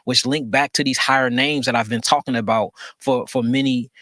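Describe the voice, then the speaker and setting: A man's voice: medium pitch, fairly even intonation, normal speed, a bit bright, no echo, studio quality. A man, talking at length in an interview, emphatic, repeating himself and asking rhetorical questions. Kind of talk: conversational monologue.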